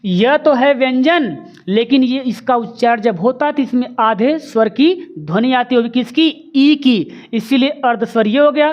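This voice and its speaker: High-voiced woman teacher, lo-fi. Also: measured pace. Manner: asks rhetorical questions then answers them, drills sounds aloud. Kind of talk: exam-prep grammar lesson. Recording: dull lo-fi recording.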